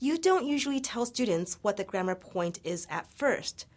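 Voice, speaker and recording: An American-raised English teacher presents a scripted grammar lesson, upbeat and clearly enunciated. Her medium-pitched voice has a sing-song quality and moves at a moderate pace.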